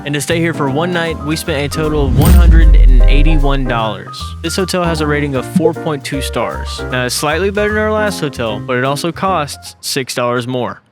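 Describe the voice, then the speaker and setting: A man's voice: a little high, lively intonation, normal speed, hardly any pauses, over music. A man hosting a casual hotel review vlog, talking in an upbeat, jokey way. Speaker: vlogger and host.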